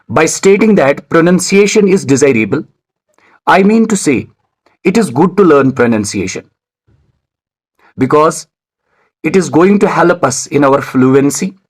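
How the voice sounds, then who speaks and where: A male English teacher delivering a scripted video lecture. His voice sits a little higher than most men's, and his delivery is measured, formal and deliberate. He spells words out letter by letter as he explains. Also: breathy edge, rough recording.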